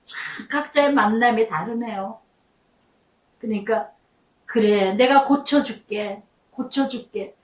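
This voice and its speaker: Older female pastor, emotional storytelling sermon, higher voice, heard from a distance in an echoey room. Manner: emotional, storytelling, quotes prayers aloud.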